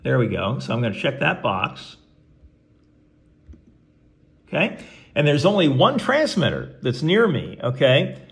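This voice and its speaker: Presenting a how-to video from home beside a tabletop radio, a man talks himself through each step in a relaxed, folksy manner. His medium-pitched voice swings hugely in pitch at a normal speed, and the recording is noticeably noisy and full of clicks.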